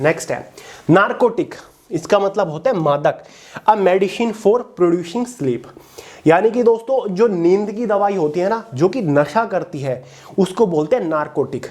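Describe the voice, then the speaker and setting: A man teaching exam vocabulary in an online lesson, explaining each word and reading its English definition out slowly. He keeps checking in with his listeners as friends. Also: high-pitched, a little mellow.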